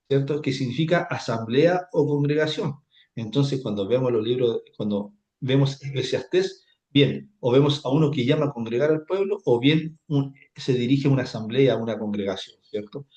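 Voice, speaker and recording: A man's voice: medium pitch, darkish tone, roomy sound. A man teaching a Bible class, repeating himself and checking in with his students as he explains. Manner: repetitive, asks "¿cierto?" often. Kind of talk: classroom lecture.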